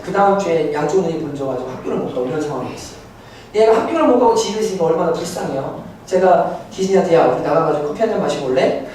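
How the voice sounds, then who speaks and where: A man's voice: high-pitched, darkish tone. A male pastor giving a sermon, telling a personal story in a chatty way and building to fervent preaching. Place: church sanctuary. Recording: very echoey church hall, mic from a distance, faint noise.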